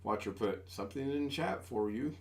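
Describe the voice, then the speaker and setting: Speaking at a normal speed in an animated, mid-range voice, a man in his sixties from the US rambles through a casual live stream. He's at home on a desk USB microphone, folksy and self-deprecating.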